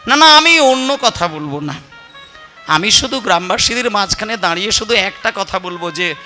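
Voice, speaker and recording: A man's voice: high voice, lively intonation, moderate pace, pushed and bright, faint music behind. A man with a Bengali accent telling a devotional story in kirtan style, acting out the characters and breaking into chanted song. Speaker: kirtan singer. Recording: with musical accompaniment.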